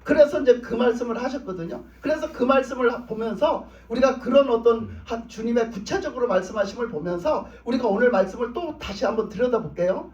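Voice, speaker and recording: A man's voice: very high voice, lively intonation, brisk, hardly any pauses, a little mellow. A male pastor preaching a sermon in an emphatic, repetitive style to his congregation. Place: church sanctuary. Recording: roomy, distant, dull church recording.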